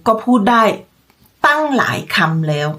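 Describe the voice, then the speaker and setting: Thai lady teaching phrases, talks super slow, says every word one at a time. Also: medium pitch, big pitch swings, a bit bright. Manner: slow, patient, repeats each phrase word by word. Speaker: language teacher. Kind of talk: slow spoken language lesson.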